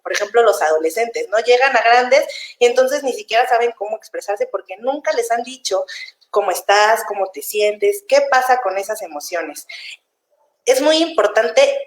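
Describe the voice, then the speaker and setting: Young woman, slightly high voice, casual explainer, echoey room sound. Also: expressive, moderate pace. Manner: warm, chatty, laughs easily, acts out parents' voices. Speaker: child development specialist guest.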